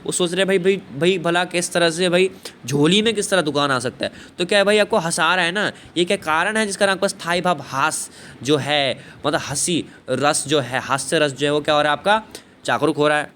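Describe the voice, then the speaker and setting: A man's voice: on the high side, brisk, sharp tone. Guy explaining a poetry lesson, keeps saying thik hai and bhai, slight background hum. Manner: repetitive, asks and answers own questions. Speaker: teacher. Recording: faint background noise.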